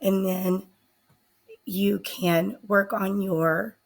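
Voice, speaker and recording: A woman teacher talks through a spelling lesson at an unhurried, careful pace. Her voice has a gravelly edge and a slightly husky tone. She sounds out words deliberately for her students. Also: mid-range voice, steady tone.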